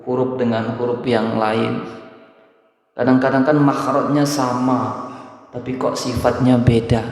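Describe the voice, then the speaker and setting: A man teaching Quran recitation at a dawn study circle, explaining slowly and repeating letter sounds to demonstrate them. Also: medium pitch, a little mellow. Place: mosque hall. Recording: echoey mosque hall, long reverb.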